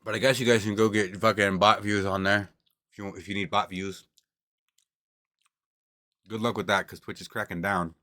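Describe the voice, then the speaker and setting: Low-voiced man rambling on a home stream. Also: level tone, moderate pace, pauses often, bright, forceful tone, no room sound, studio quality. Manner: rambling, loose and profane, talks with mouth full at times. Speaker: streamer doing tarot readings. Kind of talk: casual livestream chat. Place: home room at a table. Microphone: camera on a table.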